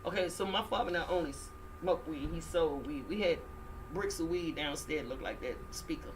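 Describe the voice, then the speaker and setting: A woman's voice: low-pitched, normal speed. A middle-aged woman comedian telling stories in a brash, profane, casual way. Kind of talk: casual chat. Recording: distant mic with faint room noise.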